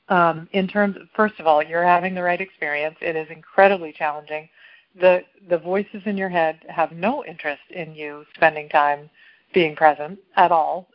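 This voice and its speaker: A woman's voice: lowish voice, lo-fi sound. A woman facilitating a call-in radio show, chatting with callers in an encouraging, affirming way. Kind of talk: casual call-in radio conversation.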